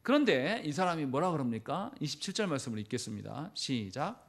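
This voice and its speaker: A man pastor preaching a sermon in a church, acting out quoted lines with sudden loud bursts. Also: on the high side, sing-song, a little fast, gravelly. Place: church sanctuary.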